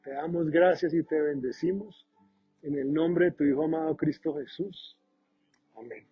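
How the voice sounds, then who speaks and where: A male pastor prays slowly and earnestly, pausing to repeat words. His voice sits a little high and has a husky edge. Soft music plays behind him on a slightly dull recording. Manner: slow, earnest prayer with pauses and repeated words. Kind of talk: closing prayer in a sermon.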